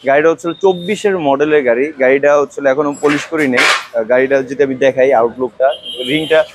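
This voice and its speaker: A Bangladeshi man giving an unscripted showroom sales pitch, with a used-vehicle dealer's boastful, repetitive patter. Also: a little fast, noisy background.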